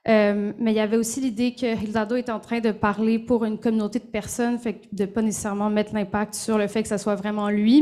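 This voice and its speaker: Female panelist, medium pitch, informal explanatory answer. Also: darkish tone. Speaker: panel presenter.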